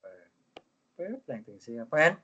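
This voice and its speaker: A man's voice: quick pace, pushed and bright, lo-fi sound. A man teaching a live class as lecturer, chatty and teasing with his students. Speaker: university lecturer.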